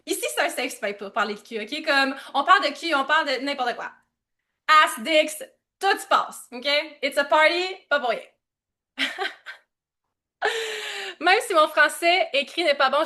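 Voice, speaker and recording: A high, bright-voiced young woman with a Québécois accent hosts a live coaching stream. She talks loud and fast, laughs a lot and sprinkles in English slang. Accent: Québécois French. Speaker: coach hosting a live session.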